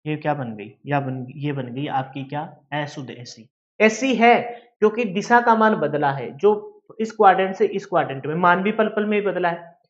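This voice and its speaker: A man's voice: a little high, normal speed, dull audio. Man lecturing, asking and answering himself. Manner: repeats questions and answers them himself; calls students "beta". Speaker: teacher. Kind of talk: classroom lecture.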